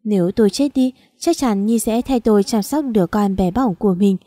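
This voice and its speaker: A woman's voice: mid-range voice, a little fast, mellow, no room sound. A woman narrating an audio story in a sorrowful, emotional manner, close to the mic.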